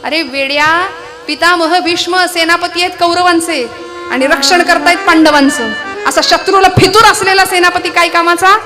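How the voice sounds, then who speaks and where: A cunning old male advisor, voiced by a woman kirtan performer, needles and lectures his nephew with scornful impatience. The voice sits high, with musical accompaniment behind. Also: normal speed, over music. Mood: needling. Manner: needling, condescending, urging. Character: scheming old uncle Shakuni, sly advisor.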